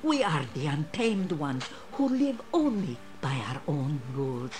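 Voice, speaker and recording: Old female fortune teller, video game character, slow solemn delivery, sweeping intonation, mysterious, proud. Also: sits low, big pitch swings, a little mellow, soft background music.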